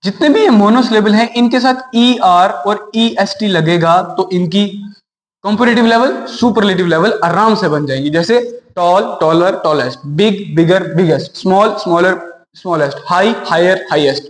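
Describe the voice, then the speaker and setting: A man's voice: sits high, normal speed. A man teaching English grammar in a classroom lesson, explaining step by step and asking rhetorical questions. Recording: echoey room with long reverb.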